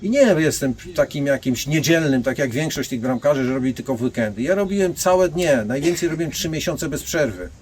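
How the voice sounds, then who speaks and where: A man's voice: on the high side, a little fast, few pauses, darkish tone, slight background noise. An older man, a martial arts master, telling blunt anecdotes and speaking directly to his listeners. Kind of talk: storytelling monologue.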